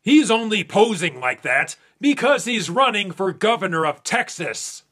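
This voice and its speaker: Bawdy joker, man's put-on bright, breathy, lively voice. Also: high voice, measured pace, heavily acted. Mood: crude. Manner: crude, wisecracking.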